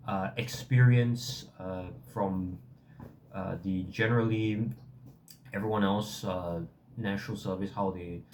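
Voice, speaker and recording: A man's voice: on the low side, a little mellow, a little hiss or hum. A young man with a Singaporean accent chatting casually to viewers in a hesitant, self-deprecating, rambling way that often backtracks. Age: young adult. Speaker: vlogger.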